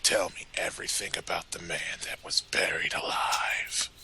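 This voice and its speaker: A man's voice: deep voice, flat delivery, normal speed, vocal fry, sharp tone, voice pushed down, heavily acted. A man voicing a menacing male warrior, whispering harsh threats in a whispered role-play.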